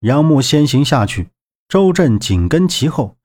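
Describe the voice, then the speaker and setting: A male narrator reads an adventure audiobook in a dramatic, expressive style. His pitch rises and falls vividly as he tells the story. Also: a little slow. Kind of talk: scripted narration.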